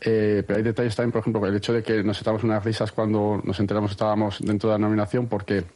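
A man, a music producer, explaining his work in a relaxed, hesitant way on radio. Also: on the low side, very fast. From Basque Country. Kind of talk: radio interview answers.

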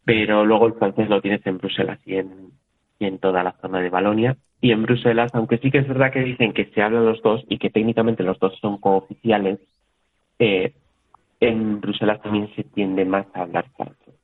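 Spanish guy chatting on a call, lowish voice, tinny phone sound, keeps restarting sentences. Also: little pitch movement, normal speed. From Spain. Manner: chatty, with frequent restarts and quoted dialogue. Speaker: interview guest. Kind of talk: casual interview talk.

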